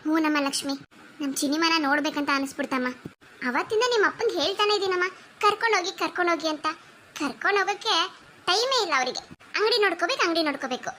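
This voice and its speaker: An older cartoon mother, as a woman puts her on, who chats and grumbles. Her voice is pitched high for a mother. A faint hiss runs underneath. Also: expressive, quick pace, pushed and bright, heavily acted. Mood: chatty. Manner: chatty, complaining. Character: older mother, chatty and complaining.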